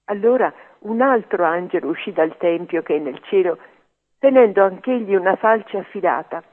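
A man reading a scripture passage aloud in a solemn, measured way. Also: high voice, expressive. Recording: tinny radio line.

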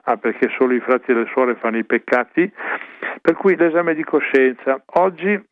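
A man's voice: medium pitch, expressive, moderate pace, dry recording. A man giving a religious radio talk who keeps throwing rhetorical questions to his listeners. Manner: rhetorical asides, checks with the listeners. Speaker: radio preacher. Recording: dry, phone-like radio sound.

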